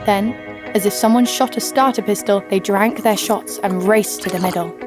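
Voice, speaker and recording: Over faint music, a woman in a natural, mid-range voice at normal speed tells her own story as an audio drama's narrator and lead. Her scripted character is a sassy, snarky storyteller who owns a sidekick, and she teases it fondly as she narrates.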